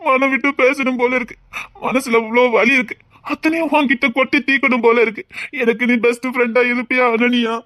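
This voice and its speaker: A man with a Tirunelveli Tamil accent, playing a scheming young man who talks softly and wheedles. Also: very high-pitched, fairly even intonation, brisk. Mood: wheedling. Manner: soft wheedling voice that turns mocking. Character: scheming young man, fake-tearful, later cold and harsh. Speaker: actor in a skit. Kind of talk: melodramatic skit acting.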